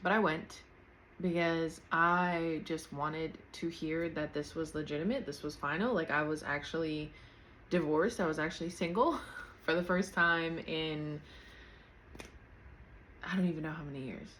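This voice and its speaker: A thirty-year-old woman hosts her own podcast from home in her pajamas, chatting candidly and loosely with no script and the occasional light laugh. Her external mic is unplugged, so the camera's built-in mic picks her up. Her deep voice is steady, measured and a bit bright, with slight background noise.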